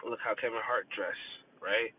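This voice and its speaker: A man's voice: fairly even intonation, normal speed. Confident, slangy man over noisy, tinny audio. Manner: confident, emphatic, slangy coaching with frequent "right?" check-ins. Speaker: dating advice presenter. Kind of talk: casual direct-to-listener advice talk. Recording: noisy, rumbling, partly tinny phone-like sound.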